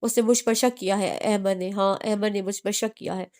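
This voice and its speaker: Audiobook: woman playing a frightened young wife, pleading and halting. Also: mid-range voice, fairly even intonation, a little mellow, close to an everyday voice. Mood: tearful.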